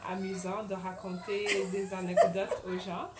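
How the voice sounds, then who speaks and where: A woman's voice: medium pitch, level tone, a little slow, roomy sound, noisy background. Young woman with a slight English-tinged accent. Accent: English-tinged French. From Congo. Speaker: guest, singer. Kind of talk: interview.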